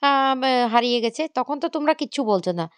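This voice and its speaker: A woman's voice: high voice, animated, fast talker, clean tone, no room sound, voice pushed up. A woman reading as a defiant young wife.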